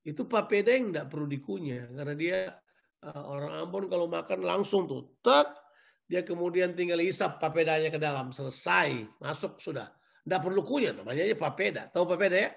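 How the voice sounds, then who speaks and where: High-voiced gravelly male pastor preaching. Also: fairly quick. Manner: lively and joking, repeats key words to the congregation. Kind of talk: sermon.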